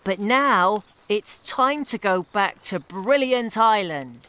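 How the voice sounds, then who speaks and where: A woman voicing a playful, clever young hero in a children's cartoon, with a slow sing-song delivery. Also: mid-range voice, lively intonation, sharp tone, a little hiss or hum.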